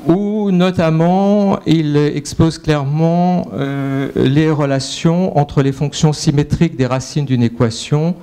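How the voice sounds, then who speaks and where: A man's voice: a little high, takes it slowly, hardly any pauses, dark tone, smooth. Hesitant older man giving a lecture. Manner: hesitant, many fillers and restarts. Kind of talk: academic conference talk. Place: lecture hall.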